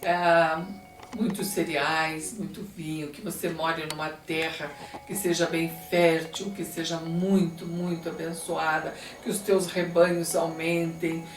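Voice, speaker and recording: A woman as a slow, solemn old father. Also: deep voice, little pitch movement, reverberant, distant mic, slight background noise.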